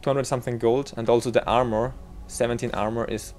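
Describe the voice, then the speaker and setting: A man's voice: mid-range voice, level tone, fairly quick, darkish tone. A man from Austria with an Austrian German accent gives a casual game tutorial, rambling a little and correcting himself as he works out the numbers.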